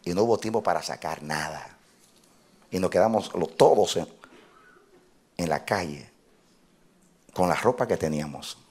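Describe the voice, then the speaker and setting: A male pastor telling a personal story in a sermon, animated, often laughing and building up to loud exclamations. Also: sits low, normal speed, long pauses, slightly rough.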